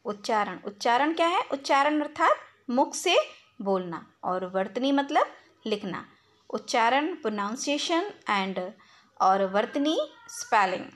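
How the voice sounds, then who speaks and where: High-voiced woman teacher explaining step by step. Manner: explains, repeats and asks questions she answers herself. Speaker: school teacher. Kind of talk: recorded classroom lesson.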